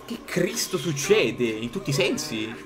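A man's voice: fairly high pitch, very animated, unhurried. A man commentating a horror game he is playing, jumpy and joking to himself, swearing as he goes. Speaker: gaming streamer. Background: game music.

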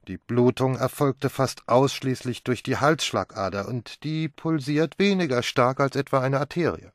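A man voicing a male doctor who explains slowly and matter-of-factly. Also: medium pitch, no echo, clean studio sound, pitched above the performer's own voice, lightly acted. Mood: measured.

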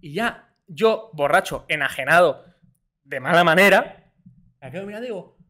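A young man from Spain telling stories in a casual podcast chat, animated and swearing freely, sometimes mimicking other people's voices. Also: high-pitched, normal speed. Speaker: podcast co-host.

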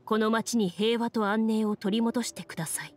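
A woman with a fairly high, natural voice and mostly even intonation narrates solemnly and formally as a composed game master in an anime game. Her delivery is measured, with music playing behind her.

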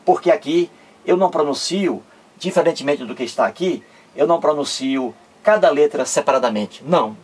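A man teaching a grammar lesson, patient and repetitive, spelling letters out slowly and checking with tag questions. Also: medium pitch, breathy edge. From Ceará, Brazil.

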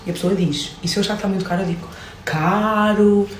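A woman's voice: on the low side, little pitch movement, racing. A woman with a European Portuguese accent, talking to camera in a playful, joking way and addressing viewers directly. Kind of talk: casual vlog talking to camera. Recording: roomy sound from away from the mic, faint noise.

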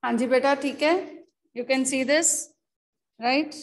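A woman's voice: high voice, steady tone, fast. A young woman with a North Indian accent, a native Hindi speaker, teaching in a classroom manner and checking understanding with short tag questions. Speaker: biology teacher. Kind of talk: classroom explanation mixing English and Hindi. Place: indoor classroom at a blackboard, speaking through a face mask. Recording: roomy, echoing classroom sound.

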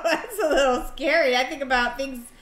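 A woman co-hosting a faith conversation, an animated storyteller who acts out the people in her anecdotes. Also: high-pitched, normal speed. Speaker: ministry co-host and class teacher.

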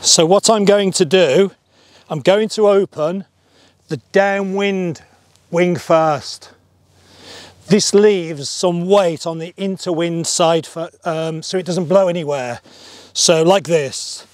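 A middle-aged man giving a relaxed paragliding lesson step by step on an open hillside, wearing a clip-on mic. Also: sits high, takes it slowly, dry recording. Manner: relaxed, chatty, explains step by step. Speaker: paragliding instructor. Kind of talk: outdoor tutorial. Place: open grassy hillside outdoors.

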